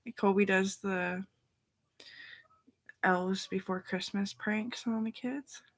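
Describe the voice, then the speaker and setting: A woman's voice: medium pitch, fairly even intonation, takes it slowly. A woman in a rambling casual monologue, drifting between thoughts and sometimes trailing off into whispers. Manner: meandering, loose train of thought.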